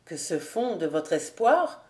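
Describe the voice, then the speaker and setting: A woman reading the part of a loyal, grieving male squire in an audiobook, speaking haltingly with strong emotion. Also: lowish voice, sing-song, voice pushed down. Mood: anguished. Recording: roomy echo.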